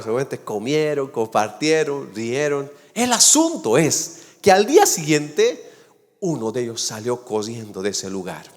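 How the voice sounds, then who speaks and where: A man preaching a sermon as guest pastor, telling Bible stories with loud emphatic lines and low drawn-out words. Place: church. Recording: church hall with long reverb.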